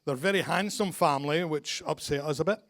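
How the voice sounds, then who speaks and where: A man's voice: on the high side, fast, fairly bright tone. A middle-aged man with a broad Glaswegian Scottish accent gives a humorous wedding speech as father of the bride, joking dryly. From Scotland. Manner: dry, joking delivery.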